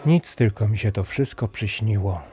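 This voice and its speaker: A man's voice: on the low side, moderate pace, warm tone, faint music behind, natural voice. A man doing a poor, plaintive young fisherman. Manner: plaintive, earnest.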